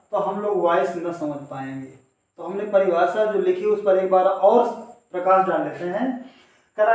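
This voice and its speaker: A man with a high voice teaches a grammar lesson. The room is very echoey, and he sounds some distance from the microphone. He explains each point step by step and answers his own questions. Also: a little mellow. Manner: addresses students directly. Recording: echoey room, voice away from the mic.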